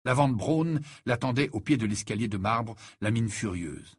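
A man narrating an audiobook in an expressive storytelling way. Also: mid-range voice, moderate pace, slightly rough, dry recording, studio quality.

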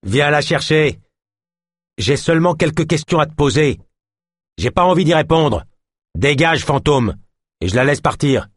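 A man voicing a gaunt, hostile male fugitive who snarls and shouts threats. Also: on the high side, animated, unhurried, long pauses, no room sound, clean studio sound, pitched above the performer's own voice. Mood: snarling.

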